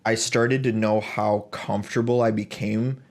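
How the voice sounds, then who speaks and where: A man's voice: fairly low pitch, steady tone, a little slow, darkish tone. A man co-hosting a podcast, talking in a reflective way with many fillers and restarts. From United States. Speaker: podcast co-host. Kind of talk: casual chat.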